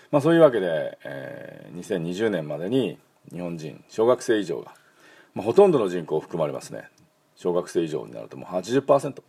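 A man's voice: deep voice, gravelly, a little mellow, breathy edge. A man who runs an English school, giving a pronunciation lesson with many fillers and repeating words for learners to copy. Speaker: English school principal and teacher.

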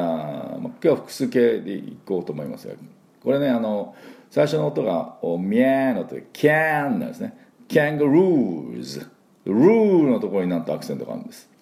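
A man's voice: low-pitched, vocal fry, warm tone. A man hosting a casual spoken English lesson, chatty with many fillers, modelling words for listeners to repeat. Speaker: English pronunciation teacher, podcast host.

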